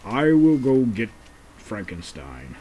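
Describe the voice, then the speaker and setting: A man's voice: fairly low pitch, wildly swooping pitch, slow, mellow, muffled recording, full character voice. A man voicing a cheerful, trusting young male penguin in a homemade puppet drama, eager and reassuring with many fillers.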